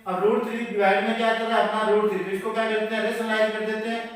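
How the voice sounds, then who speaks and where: A man's voice: high-pitched, flat delivery, very fast. A man with an Indian accent teaching a maths class, asking his students questions and answering them himself. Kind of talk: classroom lesson. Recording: echoey hall, mic far off.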